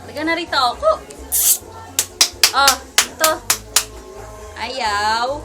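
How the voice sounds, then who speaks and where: A woman's voice: high-pitched, slow. A woman talking baby talk to her pet, coaxing and cooing in a sing-song way. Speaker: pet owner. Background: music.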